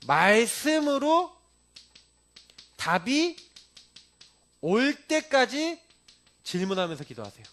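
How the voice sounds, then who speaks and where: A man preaching a sermon as pastor, emphatic and lively, mixing in personal testimony. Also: sits high.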